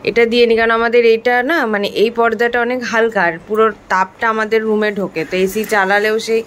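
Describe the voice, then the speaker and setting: A woman's voice: a little high, level tone, fast, a little hiss or hum. Chatty young woman vlogging at home. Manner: chatty, talks to camera while doing chores. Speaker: family vlogger. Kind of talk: casual chat. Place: home, indoors.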